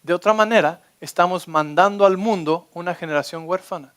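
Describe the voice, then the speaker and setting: A man preaching a sermon as pastor, energetic and often checking in with his listeners. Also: sits high, brisk, smooth. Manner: energetic, keeps checking in with the audience.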